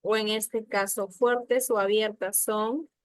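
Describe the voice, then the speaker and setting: A woman teaching young pupils over a video call, speaking slowly and patiently. Her voice sits mid-range and sounds dry and close to the computer mic. She keeps checking that the class follows and breaks words into syllables. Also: medium pitch, fairly even intonation, dry recording. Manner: slow, patient, checks understanding with frequent questions. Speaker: primary school teacher. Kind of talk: online spelling lesson.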